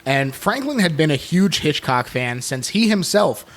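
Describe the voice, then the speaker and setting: A man guest on a horror film podcast, telling film history in an animated way with playful asides. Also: a little high, a little slow. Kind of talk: casual film podcast chat.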